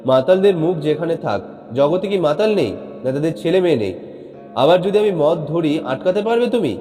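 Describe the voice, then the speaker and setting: A man's voice: on the high side, normal speed, dark tone, lightly acted. A man voicing an easygoing older husband who answers his wife's suspicion with banter. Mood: defiant. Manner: bantering, mock-grand. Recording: long reverb, faint background music.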